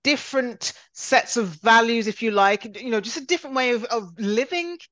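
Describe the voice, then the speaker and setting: A woman's voice: on the high side, moderate pace, a bit bright, no room sound. A woman with an English accent hosting a casual, reflective interview, affirming and thoughtful as she talks. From United Kingdom. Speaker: podcast interviewer.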